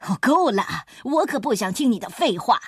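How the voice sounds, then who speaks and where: A woman voicing a gruff, impatient male ship captain in a storybook reading, curt and commanding. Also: medium pitch, expressive, a little slow, dry recording, studio quality.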